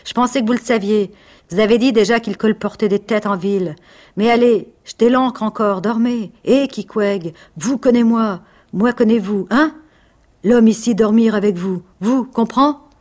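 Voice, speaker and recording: A woman's voice: a little high, moderate pace, a little mellow, lightly acted. A woman voicing an easygoing male innkeeper who teases his guest in a read-aloud story. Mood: teasing. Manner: teasing, easygoing. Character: amused innkeeper man.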